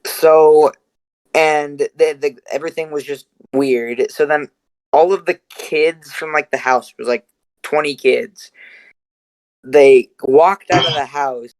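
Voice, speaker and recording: Halting young man telling a story. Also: fairly high pitch, fairly even intonation, a little mellow, no room sound, low-quality recording. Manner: halting, restarts a lot. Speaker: podcast guest. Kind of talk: casual storytelling.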